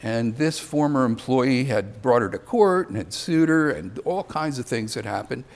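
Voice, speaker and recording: A man's voice: mid-range voice, lively intonation, moderate pace. An older man giving a conversational sermon, with self-deprecating asides. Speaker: preacher.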